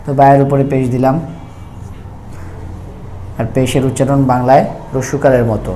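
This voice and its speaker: Man, Quran reading teacher, slow drawn-out letter sounds, monotone, dark voice. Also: mid-range voice, slight background noise. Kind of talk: step-by-step recitation lesson.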